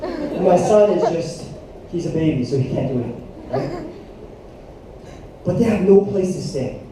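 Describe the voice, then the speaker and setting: A man in his thirties, a youth pastor preaching a sermon with animated storytelling and questions to the room. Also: sits high, a little slow, noisy background. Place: church hall. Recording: echoey hall, mic at a distance.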